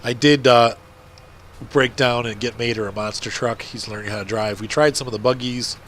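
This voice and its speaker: Speaking at medium pitch and normal speed, a video host offers casual, rambling commentary on gameplay through a stuffy, blocked-up nose. His intonation is fairly even and his tone fairly bright, with slight background noise.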